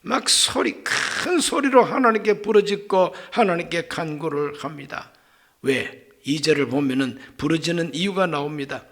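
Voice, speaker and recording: A male pastor with a voice on the high side preaches a sermon at a moderate pace. He swings between hushed whispers and loud exclamations, firing rhetorical questions at the congregation.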